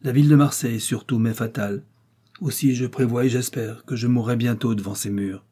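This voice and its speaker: A man's voice: mid-range voice, fairly even intonation, fairly quick, dark tone, slightly rough, close to an everyday voice. A man reading the part of a young knight in love, impassioned and lifting his voice on his pleas. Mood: sorrowful. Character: young knight, ardent and despairing lover. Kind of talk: audiobook reading.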